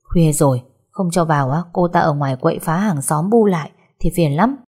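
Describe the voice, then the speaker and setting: A woman voicing a harsh, threatening young man who shouts at his ex-wife in a story. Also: sits low, a little fast, breathy edge. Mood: dismissive. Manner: harsh and bullying. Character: angry, threatening young ex-husband.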